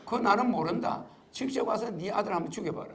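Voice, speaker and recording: A man's voice: sits high, fast talker, creaky, fairly bright tone. A man quoting a stern male God who bluntly scolds a man he sees through. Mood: scolding.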